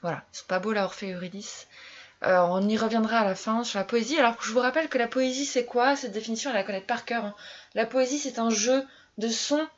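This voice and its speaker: A woman's voice: on the high side, steady tone, quick pace, muffled recording. A woman teacher giving a classroom lesson, repeating key terms and quizzing her pupils as she explains. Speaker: French literature teacher.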